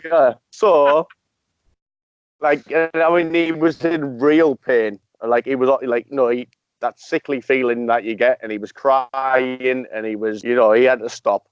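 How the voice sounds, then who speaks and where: A man hosting a casual chat over a call, recalling stories with halting restarts. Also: medium pitch, little pitch movement, clear, resonant tone, dry recording. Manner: hesitant, repeats words while recalling. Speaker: podcast host. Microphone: video call. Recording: dull dry call audio.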